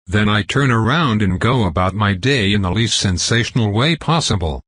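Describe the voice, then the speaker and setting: A wry, rambling young male student from a storybook, voiced by a male narrator. He talks low and a little husky, laying out his thoughts at length. The sound is close and dry. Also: expressive, moderate pace, fairly bright tone, dry recording.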